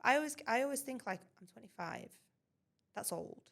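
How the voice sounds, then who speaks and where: A woman's voice: on the high side, animated, moderate pace, creaky. Co-host: young woman in her twenties, chatty, laughs easily. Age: 20s. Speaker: podcast co-host. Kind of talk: casual chat.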